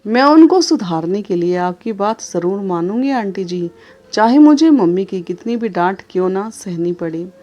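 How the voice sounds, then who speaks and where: A woman's voice: mid-range voice, animated, moderate pace, warm tone, muffled recording, soft background music, close to an everyday voice. A woman voicing a respectful but aggrieved young married woman who speaks in an earnest, pleading way in a storybook.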